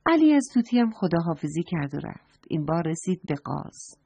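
Husky-voiced woman reading a children's story. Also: on the low side, sing-song. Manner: gentle, addresses children directly. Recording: dull lo-fi recording.

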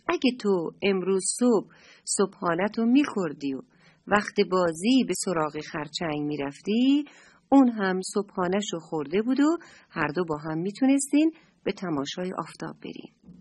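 A woman's voice: medium pitch, sing-song. A woman narrating a children's story, speaking directly to the children. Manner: addresses children warmly and directly.

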